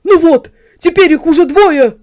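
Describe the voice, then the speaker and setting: A woman's voice: medium pitch, animated, unhurried, warm tone. Woman voicing a naive yard dog. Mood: excited. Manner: wondering, puzzled questions. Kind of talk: storybook character voice.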